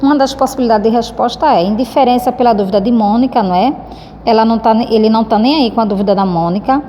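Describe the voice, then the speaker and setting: A Brazilian Portuguese-speaking woman teacher explains a textbook in a recorded lesson, talking fast in a warm, higher voice. She's affectionate and keeps checking in with "tá?". The room echoes, with a faint hiss and background noise.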